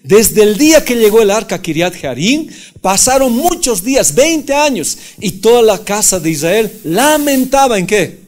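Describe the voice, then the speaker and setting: A man's voice: high-pitched, very animated, moderate pace, darkish tone. A male pastor giving a Bible-study sermon in a conversational way, often asking his listeners rhetorical questions.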